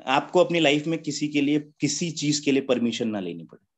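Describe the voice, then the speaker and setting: Higher-voiced man giving a motivational talk. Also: lively intonation, fairly quick. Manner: rhetorical questions with a constant "है ना?" tag; chatty, joking, laughs at his own points. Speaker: motivational speaker at a business meeting. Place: business meeting with an audience.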